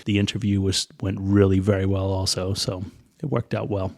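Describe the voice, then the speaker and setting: A man's voice: normal speed, creaky. A man with a Northern Irish accent, an airline pilot guest in a casual interview, telling stories animatedly and acting out the people he quotes. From Northern Ireland. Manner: animated storyteller, acts out quoted voices with big pitch jumps.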